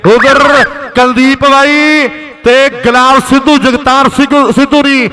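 A man with a Punjabi accent giving excited live kabaddi commentary, chanting names and cheers over and over. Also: very high voice, unhurried. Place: outdoor kabaddi ground. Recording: crowd noise around the commentary.

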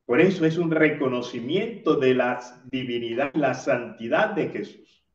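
A man, a priest, reading the day's gospel and preaching a homily in a slow, measured way. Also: mid-range voice. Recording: roomy, distant, dull lo-fi sound.

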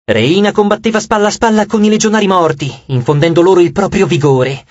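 A man's voice: sits high, fairly quick, dry recording, muffled recording. A man narrating an audiobook with dramatic, scripted storytelling.

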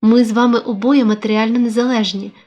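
A woman's voice: a little high, steady tone, fast talker, darkish tone, dull audio, natural voice. A woman reading a novel aloud, voicing an ardent, insistent young man who presses a proposal. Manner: pressing, persuasive.

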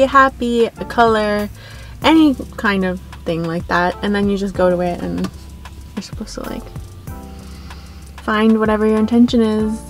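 A young woman chatting casually from a car, relaxed and explaining things with lots of "like", music behind her. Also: medium pitch. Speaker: vlog co-host. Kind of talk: casual chat.

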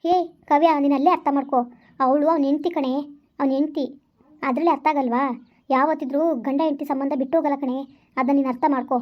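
A woman's voice: sits high, steady tone, quick pace, muffled recording, close to an everyday voice. A woman plays a young woman's sensible friend in a village skit, earnestly giving advice. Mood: advising. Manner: earnest, advising. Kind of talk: village vlog skit acting.

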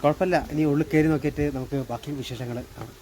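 A man's voice: racing, a crowd in the background. A man with a Kerala Malayalam accent chats casually for a vlog, mixing some English words into his Malayalam. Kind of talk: casual chat and vlog commentary. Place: on the road and outdoors at a park. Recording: noisy outdoor sound with vehicle rumble.

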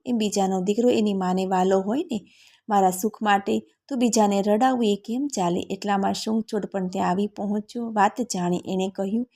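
Mellow-voiced woman telling a folk tale. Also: medium pitch. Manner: reads the characters' lines in her own voice. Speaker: storyteller. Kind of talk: storytelling narration with character dialogue.

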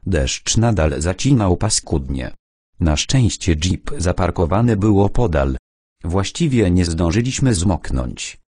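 A man narrates an audiobook with a very low, husky voice. His reading moves in lively swings of pitch, and the recording is close and completely dry. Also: no room sound.

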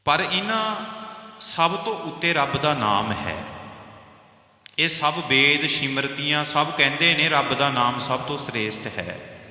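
A Punjabi man teaches scripture in a bright, forceful voice. He chants each verse slowly and then stops to explain its pronunciation. The sound rings in a roomy hall with a long reverb. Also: on the high side, expressive.

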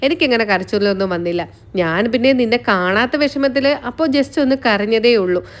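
A woman's voice: on the high side, moderate pace, lightly acted. Brief: shy, earnest young husband in a retold serial, read plainly by a woman narrator.

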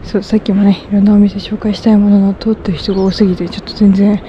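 A young woman talking to herself as she walks city streets, filming a walking vlog with many fillers, dropping to a hush around passers-by. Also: medium pitch, little pitch movement, fast, dull audio. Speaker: walking vlogger. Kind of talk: solo walking commentary. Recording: street noise behind.

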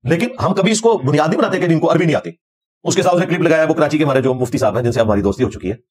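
A man's voice: a little high, animated, rapid-fire, darkish tone, slightly rough. A middle-aged man giving an argumentative religious lecture, rebutting critics point by point with emphasis.

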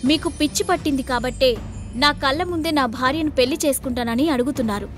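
A woman's voice: sits high, fast talker, faint music behind, natural voice. A woman voicing a defiant young husband who speaks with sarcastic, controlled anger.

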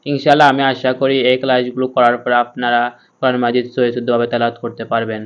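A man teaching Quran reading, patiently spelling out each letter and sound in a slow step-by-step lesson. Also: medium pitch, level tone, clean tone, muffled recording.

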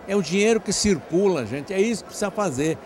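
An older man, speaking a touch high for a man. He is an effusive, grateful event organizer who talks in long flowing runs into a handheld mic. Loud chatter fills the big event hall behind him. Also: expressive, fast talker, a little hiss or hum. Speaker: event organizer being interviewed. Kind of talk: outdoor event interview. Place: large covered event hall, crowded charity dinner.

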